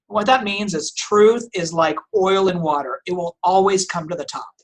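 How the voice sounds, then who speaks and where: Halting, thoughtful man from Portugal. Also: high voice. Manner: thoughtful, halting with many restarts and fillers. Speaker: family law attorney guest. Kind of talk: conversational podcast interview.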